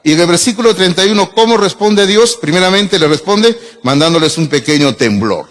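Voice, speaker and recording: A man's voice: high-pitched, lively intonation, a little fast, fairly bright tone, long reverb tail. A middle-aged man, preaching a sermon in a church, chatting with the congregation through frequent asides and questions. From Peru. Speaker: pastor. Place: church sanctuary.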